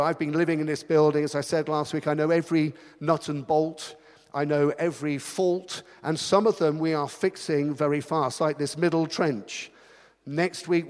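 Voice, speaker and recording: A man preaching a sermon as pastor, chatty and self-mocking, in a church hall. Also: fairly high pitch. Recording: long hall reverb.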